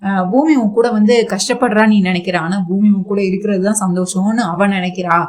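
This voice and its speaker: A woman's voice: mid-range voice, steady tone, brisk, a little mellow, natural voice. A woman voicing a man's inner conscience that questions and lectures him. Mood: probing. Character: male hero's inner conscience, probing.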